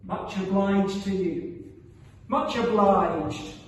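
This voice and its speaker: A man's voice: sits high, drawn-out words. A man reading a stage play from a script as a meek, cheerful landowner, effusive, flowery and deferential. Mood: rapturous. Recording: echoey hall from far off, faint noise.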